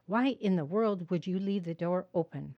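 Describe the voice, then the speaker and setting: A woman's voice: fairly low pitch, a little slow, muffled recording. A woman voicing a cold, evasive mother who answers her daughter curtly in a spoken memoir reading. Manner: curt, dismissive.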